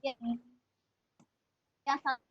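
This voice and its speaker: A woman giving a training presentation over a video call, her audio cutting in and out, speaking haltingly with many hesitations. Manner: halting, with frequent hesitation sounds. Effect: choppy video call audio cutting in and out. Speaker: presenter at an online teacher training. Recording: dull lo-fi video call sound.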